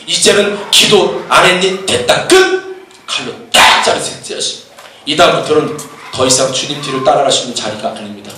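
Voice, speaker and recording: Male pastor, high bright voice, emphatic sermon delivery, heard from a distance in a very echoey church hall. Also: slight background noise. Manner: emphatic, fires rhetorical questions at the congregation. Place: church sanctuary.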